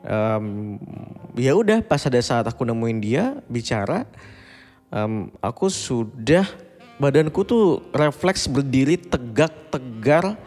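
A man's voice: medium pitch, sing-song, slow pace, a little mellow. Reflective young man with reverb. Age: 20s. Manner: reflective, confiding, mixes in English phrases. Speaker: podcast host. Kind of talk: casual bedtime podcast monologue. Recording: long reverb with faint background music.

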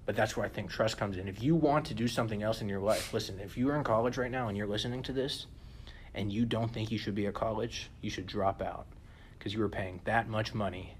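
A young man co-hosting a podcast in casual chat, animated and often turning to listeners with "listen". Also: fairly low pitch, a little fast, a little hiss or hum. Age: young adult. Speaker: podcast co-host.

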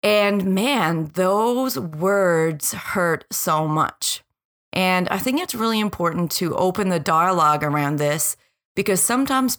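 A woman in her forties speaking earnestly and deliberately in a personal, reflective podcast monologue. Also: fairly low pitch. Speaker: podcast host.

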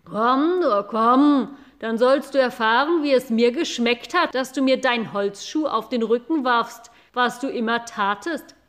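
Stern, a woman doing a loud, resentful cow. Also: on the high side, unhurried, hardly any pauses, natural voice. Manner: loud, grudging threats. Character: resentful female barn cow.

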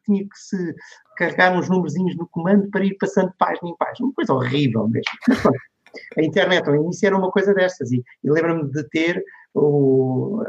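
A man's voice: on the high side, fast talker, vocal fry. A middle-aged man from Portugal with a European Portuguese accent, a lecturer telling stories in an interview and voicing the people he quotes. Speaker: guest, digital marketing lecturer. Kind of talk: conversational interview storytelling. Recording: dull lo-fi recording.

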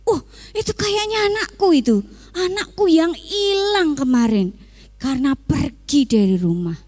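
A woman's voice: very high-pitched, level tone, drawn-out words, fairly bright tone, voice pushed up, exaggerated voice. A woman voicing a father who calls out and sings tearfully for his lost son. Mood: overjoyed.

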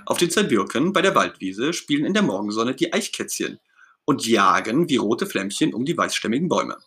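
A man reading a children's story aloud as narrator, in an expressive, gentle storytelling manner. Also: medium pitch, fairly quick.

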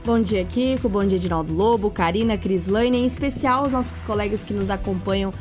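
A Brazilian woman co-hosts live radio news. She talks rapidly in a presenter's style. Music is clearly heard behind her. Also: mid-range voice. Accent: Brazilian Portuguese.

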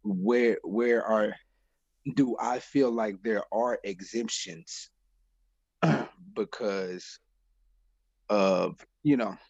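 A low-voiced man with a gravelly, husky tone, talking reflectively and in slang in a casual Bible study chat. The audio is dull and lo-fi, with a dry, close sound. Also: very slow, pauses often, darkish tone, no room sound. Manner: reflective, slangy, says bro.

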